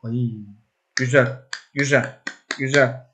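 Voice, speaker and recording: A man playing a football management game, talking to his players as their coach, calming and scolding them and shouting when an attack builds. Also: slow, a little hiss or hum. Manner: bursts into high shouts at attacks. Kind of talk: live commentary while gaming.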